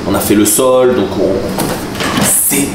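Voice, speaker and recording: Slow and fairly low-pitched, a man in his forties from southern France, a vlogger who is also a taekwondo master, chats and laughs through casual stories told to the camera, adding lively asides. The mic sits far off in a room with a camera crew, giving a roomy recording with background noise.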